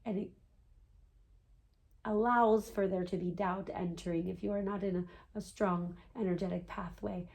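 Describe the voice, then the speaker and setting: A woman's voice: on the low side, steady tone, normal speed, vocal fry, darkish tone. A woman as a seance medium voicing a patient, knowing spirit guide, with formal stilted phrasing and frequent questioning tags. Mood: gently probing. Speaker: trance channeler answering a client's questions. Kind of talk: seance medium channeling session.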